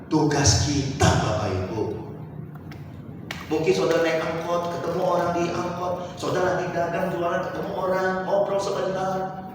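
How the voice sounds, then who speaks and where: Male pastor, sermon, storytelling into loud exhortation, booming hall echo, distant mic. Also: steady tone, normal speed. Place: large church hall. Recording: echoey hall from far off, noisy.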